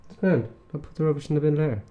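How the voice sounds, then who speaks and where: A man's voice: fairly high pitch, very fast, highs cut off. A young man on a casual gaming podcast, answering bluntly and brushing things off. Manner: blunt, dismissive, offhand. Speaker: podcast co-host.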